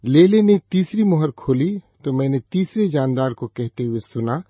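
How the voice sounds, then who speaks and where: Husky man reading scripture solemnly. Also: mid-range voice, expressive, no room sound. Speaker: scripture reader. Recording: dull, slightly lo-fi dry recording.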